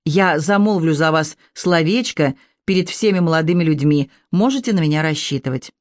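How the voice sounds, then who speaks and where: A reader narrating an audiobook in a steady, measured way. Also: medium pitch, no room sound, clean studio sound.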